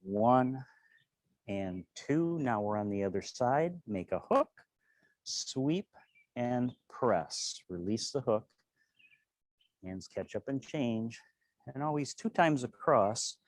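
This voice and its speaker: A man teaching tai chi and qigong, calmly and serenely cueing each movement step by step. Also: lowish voice, slow, long pauses, no echo. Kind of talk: tutorial movement cues.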